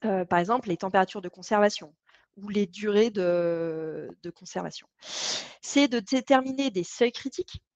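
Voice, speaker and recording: A woman's voice: medium pitch, moderate pace, darkish tone, muffled recording. A woman, co-founder of a company, leading an online training session in a chatty, explanatory way with frequent hesitations.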